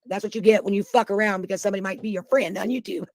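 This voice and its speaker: Fast, blunt, swearing woman guest. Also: medium pitch, fairly even intonation, creaky, darkish tone, dry recording, studio quality. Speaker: guest caller. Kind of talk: heated casual chat.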